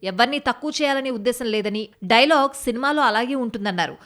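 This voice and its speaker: A woman's voice: on the high side, quick pace. A woman narrating an entertainment news report as a scripted voice-over. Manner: steady, even news delivery.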